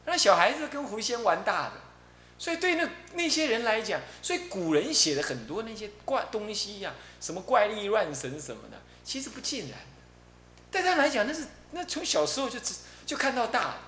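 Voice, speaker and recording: A man's voice: high-pitched, big pitch swings, fairly quick, pushed and bright. A male abbot from Taiwan, telling a story in a Buddhist dharma talk and acting out its characters. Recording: echoey room, faint hum.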